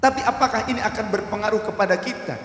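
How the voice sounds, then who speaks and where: Patient, gentle old sage father, voiced by a male preacher, hall echo. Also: sits high, fast talker. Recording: echoey hall reverb.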